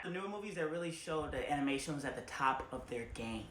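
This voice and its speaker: A young man doing a comedic movie ranking, animated and jumping into loud, high shouted bits. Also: quick pace, roomy sound, slight background noise. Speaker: movie reviewer.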